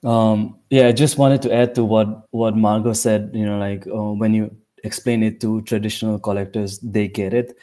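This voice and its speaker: A man, from Nepal, explaining his points haltingly in a casual live audio chat. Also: on the low side, little pitch movement, dark tone.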